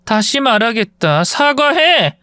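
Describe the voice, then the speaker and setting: Guy doing a bossy furious young wife, high and swinging voice, dry sound. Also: very animated, normal speed, bright, forceful tone, no room sound, heavily acted. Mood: commanding, furious. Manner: scolding, commanding. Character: fierce young wife, commanding and protective.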